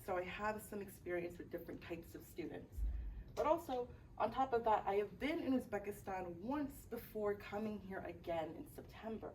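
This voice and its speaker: A woman's voice: mid-range voice, lively intonation, a little fast, a little mellow. A woman from Miami teaching a class, presenting and often checking in with the audience by asking "right?". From Miami, Florida, United States. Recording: distant mic with light background noise.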